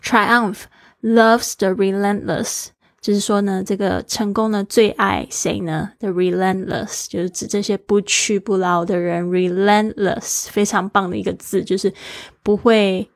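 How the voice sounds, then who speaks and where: A woman's voice: medium pitch, steady tone, measured pace, dry recording, clean studio sound. A woman teaching a daily English lesson, spelling words letter by letter in an encouraging way.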